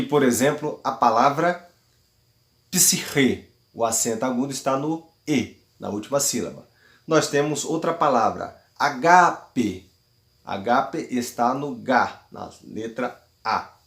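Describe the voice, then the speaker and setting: A man giving a recorded grammar lesson as a teacher, explaining patiently and repeating words slowly syllable by syllable. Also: medium pitch, reverberant. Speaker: Greek teacher.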